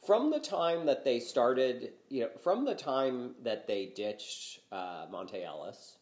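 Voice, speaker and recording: An older man talks basketball in a loose, rambling way, his pitch rising and falling a lot. The room around him gives his voice a noticeable echo. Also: very animated, takes it slowly, a little mellow. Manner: rambling, many fillers and restarts. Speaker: podcast co-host. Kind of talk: casual sports talk. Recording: roomy echo.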